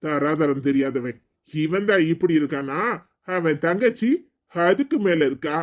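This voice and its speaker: A man's voice: on the high side, expressive, a little slow. A man voicing a proud, hot-tempered young husband in a cartoon story, scolding and threatening. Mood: angry. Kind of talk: cartoon voice acting.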